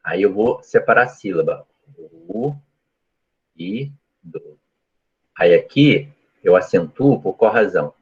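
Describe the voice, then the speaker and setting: A man's voice: low voice, lively intonation, normal speed, darkish tone, husky, highs cut off. A man teaching a live online Portuguese grammar lesson, explaining step by step and often checking that students follow. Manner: explanatory, asks frequent checking questions.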